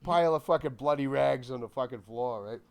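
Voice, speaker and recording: A middle-aged man casually telling a wild childhood story, swearing constantly and shouting out the lines of the people in it. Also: mid-range voice, brisk, vocal fry. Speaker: podcast guest.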